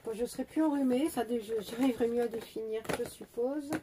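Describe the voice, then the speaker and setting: A young beauty vlogger with a cold and a stuffy voice chats casually while unboxing an advent calendar of beauty products, hesitating and filling her talk with fillers and restarts. Her voice is a little high, she speaks a little fast, and there is background noise.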